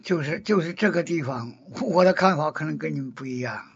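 A man's voice: a little high, a little fast, creaky, husky, lo-fi sound. A man leading a casual Buddhist discussion, earnest and explaining, who often repeats and rephrases his points.

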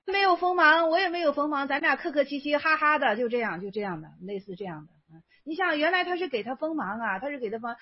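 A woman's voice: high voice, animated, quick pace. A woman giving a chatty, casual spoken lecture on Zen Buddhist stories, repeating herself with lots of fillers. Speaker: Buddhist teacher. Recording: dull lo-fi recording.

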